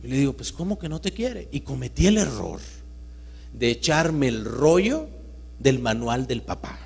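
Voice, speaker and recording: A man giving a live talk to an audience, swinging between loud emphatic bursts and hushed storytelling. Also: medium pitch, big pitch swings, unhurried, creaky, breathy edge. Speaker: motivational speaker. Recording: reverberant hall with mains hum.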